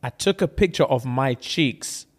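Young male host, London roadman accent, lively swooping delivery, jokey slang, reading comments aloud. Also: medium pitch, a little slow. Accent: London, urban roadman slang. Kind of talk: casual banter, reading out online comments.

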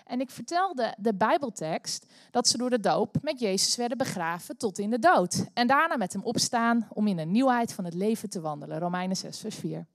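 A Dutch woman preaching a sermon in church, telling a story with animated bursts of energy. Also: a little high, moderate pace, few pauses, no room sound, studio quality. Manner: animated, bursts into loud cheering when acting out the story. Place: church hall.

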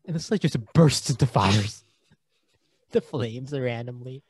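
A man's voice: mid-range voice, animated, unhurried, a little mellow, slightly rough, no room sound, studio quality. A man co-hosting a podcast, chatting casually about a movie, laughing often and trailing off mid-thought. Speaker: podcast co-host.

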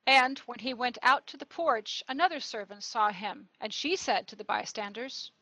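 A woman narrating a gospel reading in a church service, clear and measured. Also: on the high side, lively intonation, bright, forceful tone, dry recording, rough recording. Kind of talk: liturgical scripture reading.

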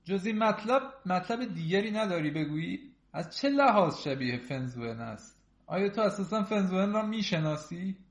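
A man voicing an irritable, proud gentleman who speaks scornfully and cuttingly, recorded in an echoey room. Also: sits high, animated, pitched above the performer's own voice. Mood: irritated. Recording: roomy echo.

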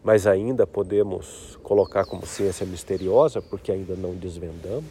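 A man leading a guided meditation in a slow, soft-spoken, reflective way. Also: low-pitched, a little hiss or hum.

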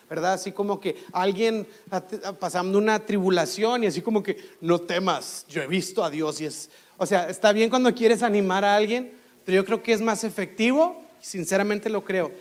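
A Mexican-accented pastor preaching in an easy, talk-it-over manner, his voice sitting notably high for a man. He slips into other people's voices as he quotes them. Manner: conversational, acts out quoted voices. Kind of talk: sermon.

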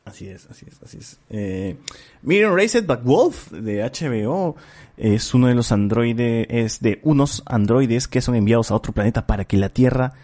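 Un hombre con acento peruano que conduce un pódcast en charla casual, relajado y con mucha jerga y groserías. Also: male voice, mid-range voice, animated, moderate pace, a little mellow. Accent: Peruvian Spanish. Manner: slangy, laid-back, swears freely. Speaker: podcast host. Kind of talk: casual chat among friends.

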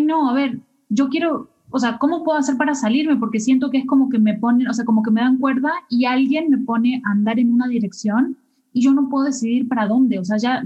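A woman's voice: on the high side, dark tone, slightly rough, lo-fi sound. A woman hosting a casual interview, thinking aloud with many fillers.

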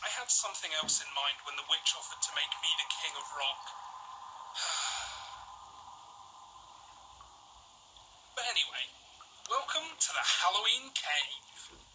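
A woman's voice: sits low, very animated, slow pace, pauses often, voice pushed down, full character voice. A young woman reading aloud the lines of a regretful talking pet rock in a video game. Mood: rueful. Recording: noisy home game recording.

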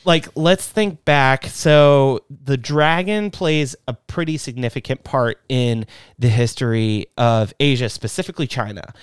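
A man co-hosting a podcast, pitching an idea in casual chat with lots of fillers and restarts. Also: measured pace, smooth, no room sound, clean studio sound. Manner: rambling, many fillers and restarts. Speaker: podcast co-host.

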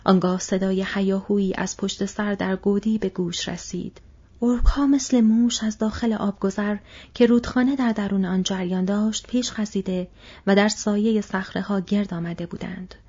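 A woman reading an audiobook in hushed, half-whispered narration, in a dull lo-fi recording. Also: medium pitch, slightly rough. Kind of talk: scripted narration.

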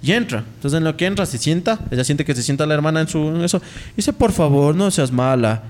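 Young guy, fast rambly ghost story, kinda high voice, does everyone's voices. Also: animated, slight background noise. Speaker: podcast host. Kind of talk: casual storytelling chat.

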